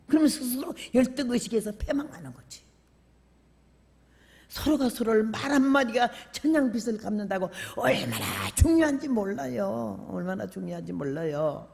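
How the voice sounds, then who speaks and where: Older woman, preacher, gravelly voice, animated colloquial storytelling, long hall reverb. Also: high-pitched, moderate pace. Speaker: revival preacher. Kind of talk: sermon with personal storytelling. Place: church sanctuary.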